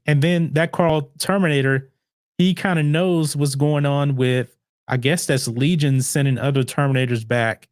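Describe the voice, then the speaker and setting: A man hosting a casual movie podcast, animated and incredulous, often restarting his words. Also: mid-range voice, no room sound, clean studio sound. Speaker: podcast host.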